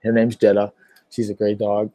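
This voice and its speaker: A man's voice: fairly low pitch, completely flat delivery, moderate pace, dark tone, dry recording. A young man from Pennsylvania chatting casually on a livestream, answering viewer questions with lots of fillers and a sore throat. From Pittsburgh, Pennsylvania. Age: young adult. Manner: rambling, many fillers.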